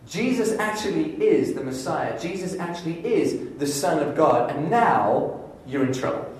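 A man preaching a sermon, telling a Bible story in a lively storytelling way and voicing the inner thoughts of its people. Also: a little high, measured pace, heavy reverb, far from the mic, a little hiss or hum, poor audio.

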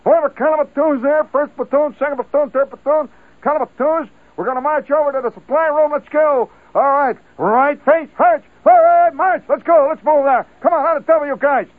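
Man voicing a gruff barking sergeant, shrill yells, lo-fi radio sound. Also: no room sound. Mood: barking orders. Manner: shouting rapid-fire orders. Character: barking male army first sergeant, gruff. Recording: tinny lo-fi 1970s radio broadcast.

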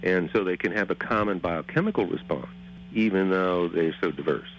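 Low-pitched male professor on a muffled, noisy line. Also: animated, normal speed. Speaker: biochemistry professor, interview guest. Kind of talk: explanatory expert interview.

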